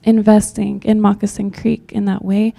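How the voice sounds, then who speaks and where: Gravelly low-bright woman speaking heartfelt. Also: level tone, normal speed. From Texas, USA. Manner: heartfelt, rambling, with many fillers. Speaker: community member commenting at a public meeting. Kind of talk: earnest public comment.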